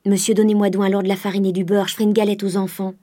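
A woman's voice: mid-range voice, flat delivery, very fast, warm tone, natural voice. A woman voicing a blunt, stubborn female servant cook in an audiobook, speaking in an outspoken, insistent way.

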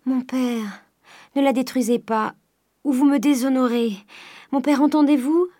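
A woman voicing a desperate young woman who pleads loudly with her father in a high, imploring voice, in an audiobook. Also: steady tone, measured pace, no room sound, clean studio sound. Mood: pleading, desperate.

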